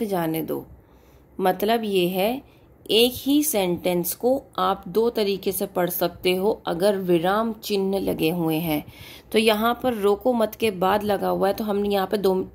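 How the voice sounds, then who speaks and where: A woman teaching a grammar lesson to young children on her channel, explaining patiently and often checking with the class. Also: medium pitch.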